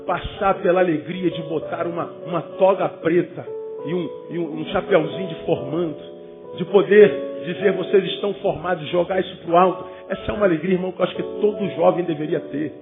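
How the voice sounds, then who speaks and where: A man's voice: high voice, fairly even intonation, a little fast. A man preaching a sermon to young people as a pastor, emphatic, with rhetorical questions and joking asides. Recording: phone-like, with loud music.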